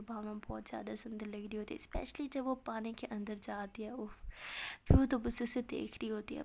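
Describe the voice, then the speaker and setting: An Indian woman tells a love story as whispered role-play, drifting between narration and the lovers' lines. Her voice sits fairly high and stays soft and breathy throughout. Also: a little hiss or hum.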